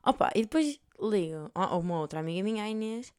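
A woman's voice: medium pitch, animated, fast talker, darkish tone, clear, resonant tone, no room sound, clean studio sound. A young adult woman with a European Portuguese accent, telling a rambling story on her podcast, with lots of fillers and casual swearing. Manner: chatty, rambling, heavy filler words and swearing. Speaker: podcast host.

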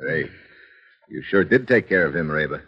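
An actor playing a tough, cocky, slangy reporter in an old-time radio adventure serial, with a sardonic, hard-boiled delivery. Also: male voice, a bass voice, animated, moderate pace, in a large hall, background noise. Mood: wry. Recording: dull, lo-fi old radio recording.

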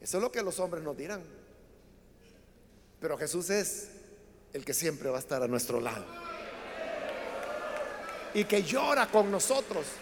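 A man's voice: a little high, very animated, measured pace, long pauses, in a large hall, slight background noise. A man preaching a sermon, telling Bible stories dramatically and acting out the voices of the people in them. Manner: dramatic storytelling, acts out quoted voices.

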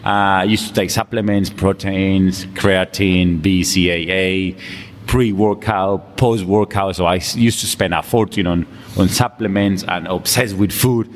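A Colombian man who coaches fitness is interviewed casually at a gym, chatting comfortably in English with a Colombian Spanish accent and laughing a lot. He speaks a little slowly, in a low voice with fairly even intonation, and the recording carries long reverb and faint background noise.

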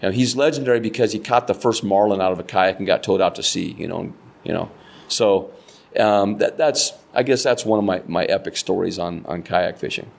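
A man's voice: deep voice, brisk, vocal fry. A middle-aged man from Nebraska, a kayak fishing guide, telling stories in a rambling, earnest way full of fillers and restarts. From Nebraska, United States. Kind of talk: casual storytelling interview.

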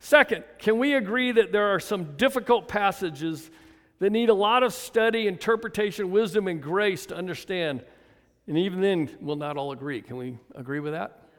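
A high-pitched older man in his seventies delivers a sermon in a church, with folksy humor and little chuckles. He keeps calling on the congregation to answer back. His voice rings out with a long reverb through the sanctuary. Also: moderate pace. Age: 70s. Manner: folksy, chuckling asides, calls for congregation response. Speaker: pastor.

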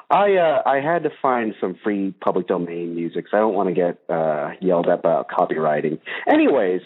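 A man hosting a call-in show over the phone, talking in a casual, rambling way with many ums and uhs. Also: on the low side. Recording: tinny phone line.

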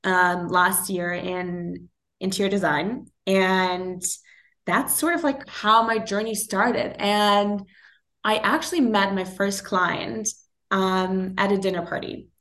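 A woman in her twenties, by birth, tells her story in relaxed conversation. She laughs easily and often restarts her sentences, filling gaps with small hesitations. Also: mid-range voice, takes it slowly. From Germany (Berlin). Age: 20s. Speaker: guest, interior designer. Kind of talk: casual interview conversation.

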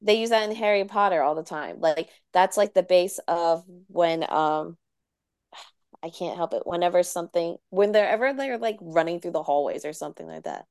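A woman talks in a lowish voice, casual and animated, full of fillers as she chats with friends. The sound is dry and close, with no room around it. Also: normal speed, clear, resonant tone, dry recording. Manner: animated, filler-heavy, hums melodies. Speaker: podcast co-host. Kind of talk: casual chat.

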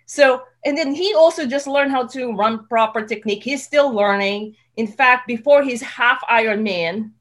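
Brief: woman host with a somewhat high voice, chatty, laughs a lot, casual interview talk. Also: fairly bright tone. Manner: chatty, laughs often, restarts words. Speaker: podcast host.

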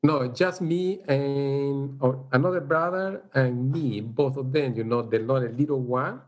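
With a mid-range voice, this middle-aged Salvadoran man speaks English as a second language, his Salvadoran Spanish accent clear. A teacher being interviewed about his life, he proceeds slowly and haltingly, often saying "you know," using other fillers, and laughing lightly.

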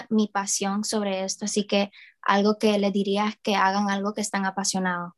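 A young woman from New Orleans, a student guest in an interview, talking with hesitant fillers and restarts. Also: mid-range voice. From New Orleans, USA. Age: young adult. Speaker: guest, student and project founder. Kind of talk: casual interview.

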